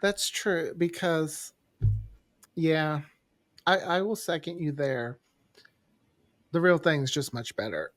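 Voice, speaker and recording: A man's voice: a little high, takes it slowly, pauses often, fairly bright tone. A man chatting casually and candidly as a podcast co-host, playful and prone to wandering off topic. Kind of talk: casual chat.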